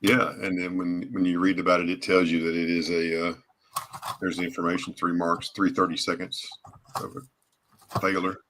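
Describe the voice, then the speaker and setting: A man's voice: low voice, little pitch movement, moderate pace, fairly bright tone. A man hosting a live stream in casual, conversational talk, with some noise and clicking behind him. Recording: noisy background with clicks.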